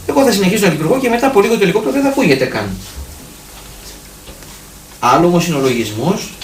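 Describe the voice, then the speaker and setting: A fairly high-voiced priest talks through questions from his listeners in a relaxed, gently teasing manner, slowly repeating prayer phrases. He sounds distant from the microphone in an echoey room, with a faint hiss underneath. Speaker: Orthodox priest. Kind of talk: question-and-answer talk. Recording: echoey room, far from mic, faint noise.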